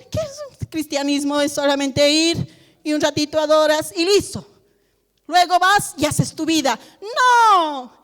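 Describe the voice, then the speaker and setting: A middle-aged woman pastor preaching a sermon in a church, animated and acting out family conversations. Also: extremely high pitch, big-room sound. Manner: animated, acts out family dialogues.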